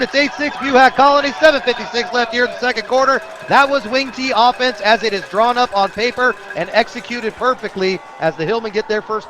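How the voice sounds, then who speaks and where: Calling a high school football game live on radio, an American play-by-play announcer cheers for the home team. Big plays get him worked up.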